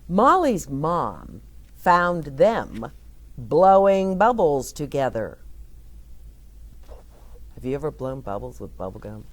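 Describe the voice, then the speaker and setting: The woman, a children's storyteller, has a low voice with big pitch swings, swooping up and down as she reads a picture book aloud at a very slow, unhurried pace. She breaks off to explain words and to pose gentle questions to her young audience.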